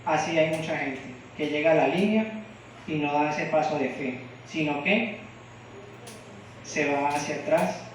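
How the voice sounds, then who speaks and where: A man's voice: a little high, measured pace, long pauses, slight background noise. A man from Venezuela preaching a devotional sermon in a church, often asking the congregation questions. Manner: asks the congregation frequent questions. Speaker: lay preacher. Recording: echoey room, distant mic, dull sound.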